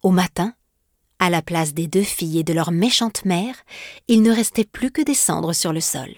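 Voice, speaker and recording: Low-voiced woman reading a fairy tale. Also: moderate pace, darkish tone, no room sound, studio quality. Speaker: storyteller.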